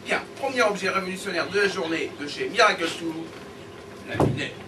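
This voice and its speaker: Man playing a high-voiced, pompous infomercial pitchman. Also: lively intonation, a little fast. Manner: infomercial pitch, florid, pompous, mock-earnest. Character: male teleshopping pitchman, pompous, suggestive, courteous. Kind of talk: parody infomercial sketch. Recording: noisy roomy far-off recording, loud laughing crowd. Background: loud audience noise and laughter.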